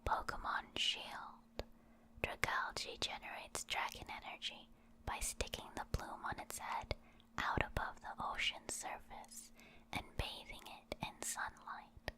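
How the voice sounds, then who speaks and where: Soft and soothing, a woman doing ASMR takes her time reading brief encyclopedia entries aloud. She repeats words as she goes.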